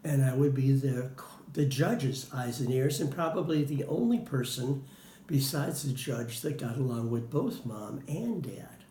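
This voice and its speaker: A man's voice: mid-range voice, animated, a little slow, dark tone. Man interviewee, hesitant, filler-heavy, roomy recording with faint hiss. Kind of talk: casual interview answers.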